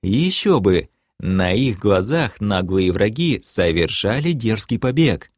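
A man narrating a fantasy audiobook in first person, dramatic and lively, breaking into shouted lines. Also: lowish voice, slow, dry recording, studio quality. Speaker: audiobook reader.

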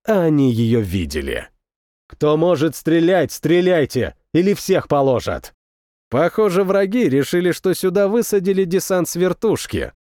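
A man narrating a first-person war story as an audiobook, reading with expressive, dramatic delivery. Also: a little high, dry recording, clean studio sound.

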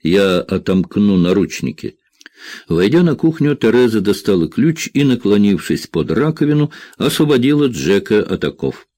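A man narrating a thriller audiobook in a steady, measured reading. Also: medium pitch, no echo, studio quality.

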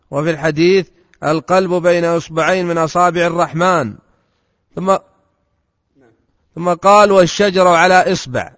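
A man with a high voice reads a classical text aloud in steady, formal recitation. His voice sounds close and dry, yet the dull recording carries a long reverb tail. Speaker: student reading the text aloud.

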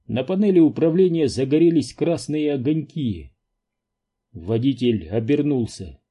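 A man reading an audiobook aloud in a lively, expressive narration. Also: medium pitch, husky.

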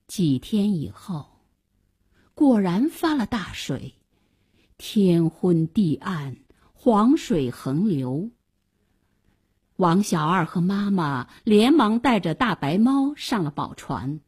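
A woman narrating a children's story slowly and expressively. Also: lowish voice, very animated, darkish tone, husky.

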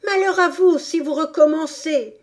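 A woman reading an audiobook and voicing a curious young girl who turns bold and indignant, her voice lifting high when she threatens. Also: lively intonation, measured pace. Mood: threatening. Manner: raised, higher voice when shouting threats.

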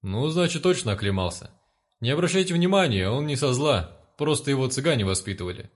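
A man's voice: medium pitch, lively intonation, brisk, close to an everyday voice. A man doing a weary, exasperated captain. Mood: reassuring.

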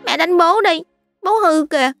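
A woman's voice: very high-pitched, normal speed, gravelly, fairly bright tone, dry recording, soft background music, pitched above the performer's own voice, heavily acted. A woman reading a story and voicing a stubborn little boy in a whiny, pleading child's voice. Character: small boy, sulky and stubborn.

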